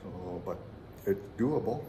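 A man's voice: low voice, lively intonation, slow. A man in his forties from Nunavut with an Inuit accent, answering interview questions conversationally. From Arviat, Nunavut, Canada. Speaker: mayor and interviewee. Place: indoor council chamber. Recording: roomy echo, background noise.

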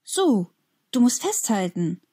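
A woman's voice: on the high side, very animated, slow pace, dark tone, slightly rough, voice pushed up, full character voice. A woman voicing an earnest young schoolboy who pleads and believes in storybook scenes. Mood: anxious.

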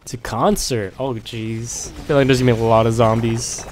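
A young man with a stuffy nose from being sick, quietly commenting on his own gameplay in slangy, casual talk under his breath. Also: medium pitch, flat delivery, normal speed, a little hiss or hum. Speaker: gameplay streamer. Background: game music.

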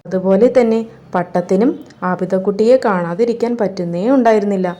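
A woman teacher reading a children's story aloud expressively and then explaining it with gentle questions. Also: mid-range voice, a little fast.

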